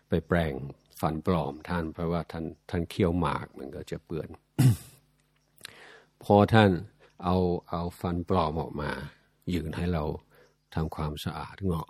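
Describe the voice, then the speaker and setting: An older man, a Buddhist monk speaking a language that is not his first, telling a story in a halting, self-amused way with many fillers, often clearing his throat. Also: sits low, a little mellow, no room sound. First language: not Thai. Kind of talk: reflective dharma talk storytelling.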